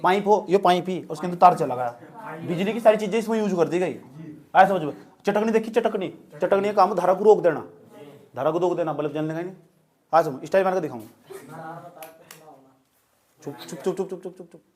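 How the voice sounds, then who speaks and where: A man's voice: sits high, fast, darkish tone. A young man teaching a classroom physics lesson, joking and teasing his students as he explains. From India. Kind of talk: classroom lecture.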